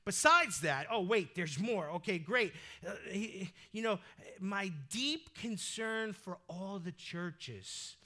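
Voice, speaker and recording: A male pastor preaching a sermon in a conversational, energetic way that breaks into loud exhortations. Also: high-pitched, slow.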